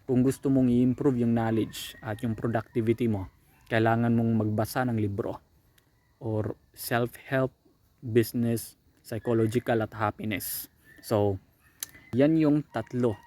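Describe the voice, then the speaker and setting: A man's voice: medium pitch, steady tone, unhurried, darkish tone. A man with a Filipino accent giving casual self-help advice straight to the viewer, calling him bro, saying "okay" often and restarting his sentences.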